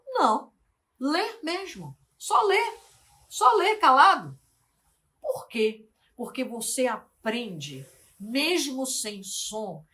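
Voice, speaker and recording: A woman, a life mentor teaching to camera, speaking slowly and articulating carefully, often asking the viewer questions. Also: medium pitch, a bit bright. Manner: deliberate, slowed, carefully articulated delivery.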